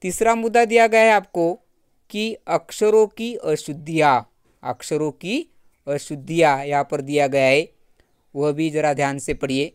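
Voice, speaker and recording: A man's voice: a little high, a little slow, clear, resonant tone, no echo, clean studio sound. A man teaching a Hindi grammar lesson, reading word lists aloud and repeating each point for students.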